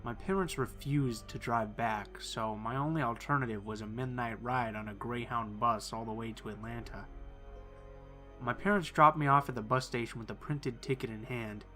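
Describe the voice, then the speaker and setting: A man reading first-person horror stories in a calm, measured storytelling voice. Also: mid-range voice, faint music behind. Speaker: narrator. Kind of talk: scripted horror narration.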